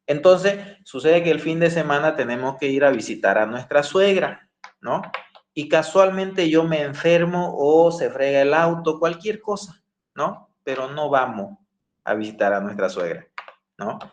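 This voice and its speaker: Male lecturer, slightly high voice, roomy echo; patient explainer. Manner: explains with everyday examples, asks the class "¿no ve?". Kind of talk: classroom lecture. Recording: echoey room.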